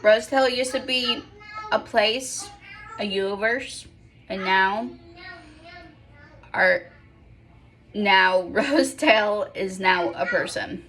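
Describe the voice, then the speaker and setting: A woman's voice: mid-range voice, drawn-out words, long pauses, fairly bright tone. A young woman in casual vlog chat at home, rambling and correcting herself with apologetic asides. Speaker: vlogger.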